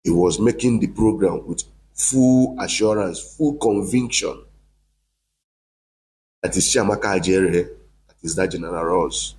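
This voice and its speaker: Guy ranting at the camera, lowish voice, keeps hammering the same point. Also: measured pace, pauses often, darkish tone, a little hiss or hum, low-quality recording. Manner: accusing, repetitive, rising to heated emphasis. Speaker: online commentator. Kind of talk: monologue addressed to camera.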